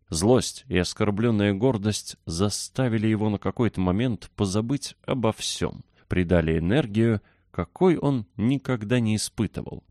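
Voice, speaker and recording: A man narrating a children's novel as an audiobook, reading in a steady, expressive way. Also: fairly low pitch, no echo, studio quality. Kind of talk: scripted narration.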